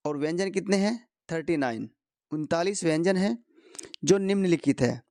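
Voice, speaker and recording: A man teaching Hindi grammar to exam students, going slowly, posing questions and answering them himself. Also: a little high, animated, a little mellow, no room sound, studio quality. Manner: slow, repeats key answers, asks and answers his own questions. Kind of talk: explanatory lesson for competitive exam students.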